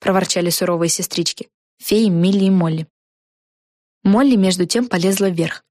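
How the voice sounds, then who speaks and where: A woman narrating a children's storybook, telling it in an even, clear way. Her voice sits on the low side. The recording is dry and close. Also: moderate pace, dry recording.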